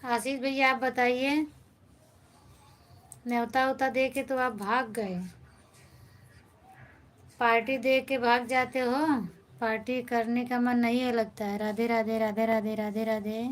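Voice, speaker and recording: A woman hosting a casual live stream from a phone, reading viewers' comments and gently soothing them, calling them brother and sister. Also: fairly high pitch. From India.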